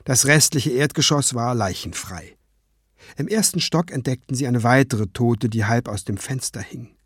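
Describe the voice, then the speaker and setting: A male audiobook narrator with an animated, rising and falling delivery. He tells the story in scripted narration. The recording is dry and close. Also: medium pitch, normal speed, slightly rough, no echo.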